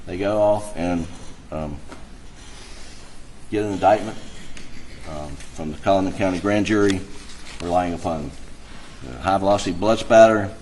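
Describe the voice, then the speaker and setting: A man delivering an emphatic, impassioned closing argument to a jury, halting and repeating phrases to drive points home. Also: low voice, a little mellow, a little hiss or hum, poor audio. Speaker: defense attorney. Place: courtroom.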